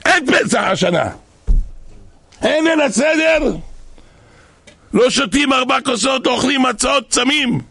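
A man voicing an anguished old sage who urgently calls his people to fast, with a husky, gravelly voice. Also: very high voice, expressive, no room sound, pitched above the performer's own voice, heavily acted. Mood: urgent pleading. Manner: urgent, pleading, shouted.

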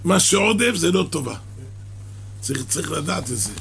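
A man preaches in a high voice that is deeply raspy and gravelly. He halts, repeats words and restarts sentences as he explains a religious parable, and he coughs now and then. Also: expressive, a bit bright. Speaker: religious teacher. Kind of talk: sermon explaining a midrash.

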